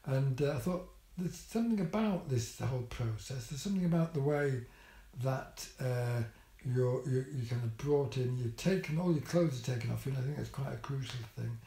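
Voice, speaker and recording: A man's voice: medium pitch, normal speed, hardly any pauses, warm tone. An older man telling a story about his hospital visit in a casual vlog, with dry, wry humour and many ums and restarts. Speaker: vlogger. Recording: echoey room.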